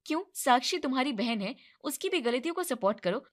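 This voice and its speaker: A woman's voice: sits high, lively intonation, fairly quick. A woman voicing a tired, put-upon young wife who sounds weary and resentful, in a storybook narration.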